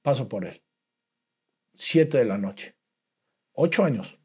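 A man's voice: mid-range voice, slow, husky. A man with a Mexican Spanish accent, telling a personal story in casual, colloquial talk full of slang and restarts. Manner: colloquial, profane, animated storytelling with frequent restarts. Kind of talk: casual storytelling in a podcast chat.

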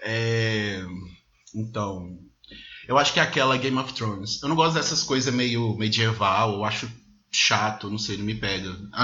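A man in his thirties from Brazil, a podcast host chatting casually in a relaxed way and laughing often. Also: fairly low pitch, slight background noise. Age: 30s. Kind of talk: casual chat. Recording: roomy, dull lo-fi sound.

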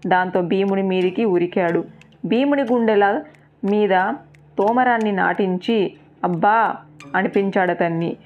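A woman telling an epic tale with dramatic, vivid delivery and a middle-pitched voice. Her voice comes through thin and tinny, like a phone line, with soft music underneath. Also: measured pace. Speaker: storyteller. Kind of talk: serialized epic story narration.

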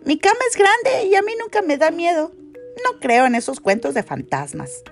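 A woman's voice: high voice, big pitch swings, moderate pace, faint music behind, voice pushed up. A woman voicing a grumpy, skeptical male piglet in a children's storybook, grumbling and dismissive. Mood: boastful.

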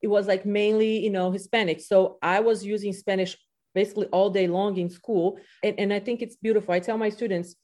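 In a casual interview on a podcast, a woman in her thirties from Brazil, whose first language is Portuguese, talks about teaching, dropping "you know" again and again. She talks fairly quickly in a mid-range, slightly mellow voice with fairly even intonation.

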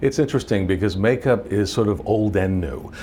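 Low-voiced man explaining, over hallway noise. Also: brisk, warm tone. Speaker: makeup department head, interview guest. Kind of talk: casual interview explanation. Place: indoor school hallway.

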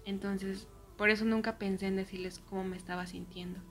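Young Mexican woman, casual storyteller, mid-range voice, quiet half-whispered asides, faint music underneath. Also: mid-range voice, flat delivery, a little fast. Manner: often drops into soft, near-whispered asides.

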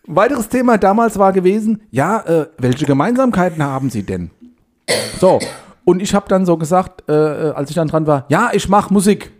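A man's voice: sits high, animated. Rambling man telling stories. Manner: rambling, halting with many fillers. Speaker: podcast co-host. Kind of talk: casual anecdote telling.

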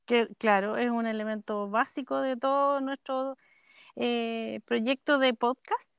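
A woman's voice: on the high side, steady tone, measured pace, vocal fry, clean tone, dry recording, highs cut off. A woman with a Chilean accent co-hosting a podcast from home over a call, telling rambling stories in casual chat. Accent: Chilean Spanish. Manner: rambling, chatty storyteller. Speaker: podcast co-host. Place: home, connected remotely. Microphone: computer mic on a call.

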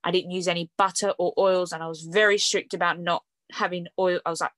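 A woman's voice: fairly low pitch, steady tone, brisk, a bit bright, no room sound. A young woman hosting a podcast, chatting casually with frequent fillers and light laughs. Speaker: podcast host. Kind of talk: casual conversational podcast chat.

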